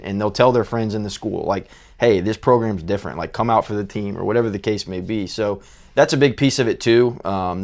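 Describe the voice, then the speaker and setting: A man with a low voice, a high school basketball coach, answers interview questions. He speaks earnestly and reflectively, often circling back mid-sentence. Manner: earnest, lots of fillers and restarts.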